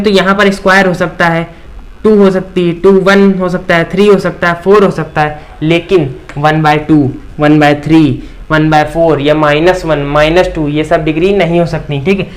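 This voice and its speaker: A man teaching a maths lecture at a board, asking the class questions and answering them himself, often checking in with "theek". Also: sits high.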